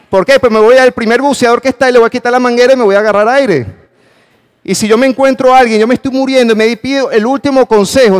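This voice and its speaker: Male motivational speaker with a fairly high voice, pitching questions to a live audience and hammering his points home. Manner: emphatic, calls for audience response. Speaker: conference speaker. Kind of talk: motivational talk. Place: conference hall with a live audience.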